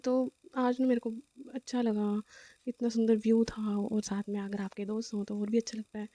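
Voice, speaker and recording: A woman's voice: on the high side, flat delivery, moderate pace, warm tone, no room sound. A young woman narrating her day out with a friend in a rambling, chatty vlog voice-over, full of fillers. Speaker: vlogger.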